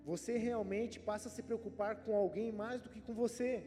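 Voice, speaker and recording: High-voiced pastor preaching in an echoing hall. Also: male voice, fairly even intonation, normal speed. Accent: Brazilian Portuguese. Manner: conversational preaching, frequent "né?" tags. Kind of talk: sermon. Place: church hall. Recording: reverberant church hall with soft music.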